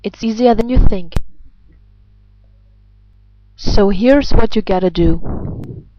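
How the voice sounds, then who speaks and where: Slow-paced German woman teaching with throaty R. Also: medium pitch, mellow, no room sound. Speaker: pronunciation teacher. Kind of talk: instructional language lesson. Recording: dull, lo-fi sound.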